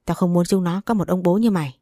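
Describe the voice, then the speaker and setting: Woman doing an enraged wife, fast harsh scolding, lowish mellow voice. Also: no room sound, studio quality, close to an everyday voice. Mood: furious. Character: furious betrayed wife, coarse and cursing.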